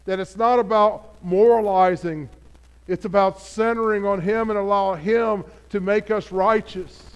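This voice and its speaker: A male pastor with a high voice delivers a sermon in an earnest, conversational tone. He speaks straight to the congregation and often stops to ask them direct questions. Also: fairly even intonation, unhurried, clear, resonant tone.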